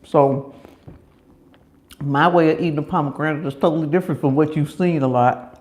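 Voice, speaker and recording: A man's voice: fairly high pitch, fairly even intonation, a little fast, darkish tone. An American man from Chicago chatting casually as an eating-show host, chewing between phrases, folksy and repeating himself for emphasis. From Chicago, United States. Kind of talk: casual mukbang chat.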